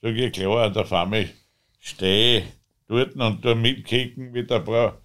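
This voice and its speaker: A man with an Austrian accent, the interviewee, telling his own story in a rambling, halting way with loose dialect grammar. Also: on the low side, steady tone, fairly bright tone. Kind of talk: conversational storytelling.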